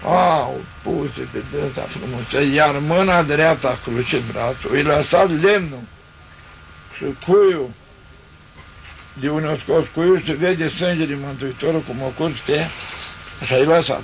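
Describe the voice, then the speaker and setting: A man's voice: on the high side, creaky. An older man, an Orthodox priest, telling listeners a vivid, rambling story with many repetitions, on a dull lo-fi recording. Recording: dull lo-fi recording with faint noise.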